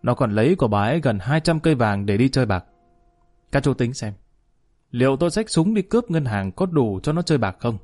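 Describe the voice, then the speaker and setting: Man voicing hard-hearted older father, cold and cutting, mid-pitched. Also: big pitch swings, a little fast, darkish tone, soft background music. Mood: cold scolding.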